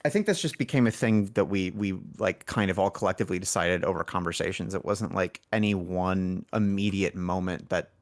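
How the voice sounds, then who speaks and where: With a low voice and a brisk pace that leaves hardly any pauses, an indie game dev and music lead chats as a podcast guest. He rambles casually and keeps stopping himself in the middle of sentences.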